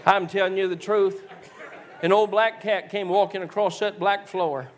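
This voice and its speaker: Folksy preacher man, higher voice. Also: fairly even intonation, moderate pace, some chatter behind. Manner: folksy, swings to shouted exhortation. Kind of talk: sermon with storytelling.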